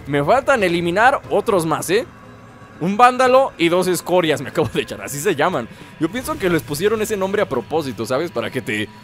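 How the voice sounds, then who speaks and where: Man, high voice, jokey gameplay commentary, music in background. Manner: playful, excitable, jokey asides. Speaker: gaming YouTuber.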